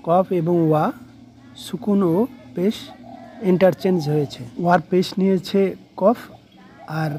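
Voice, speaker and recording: Male grammar teacher, dark husky voice, measured list-like delivery that walks through each form patiently. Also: a little high. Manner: measured, explains each form and then glosses its meaning; recites word forms in short phrases like a list. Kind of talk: step-by-step grammar lecture.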